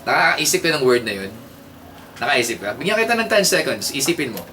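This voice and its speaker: A young adult man with a Filipino accent hosting a casual radio trivia segment, playful and animated, mixing English into his Tagalog. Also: medium pitch, fast talker. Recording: slightly distant mic, faint hiss.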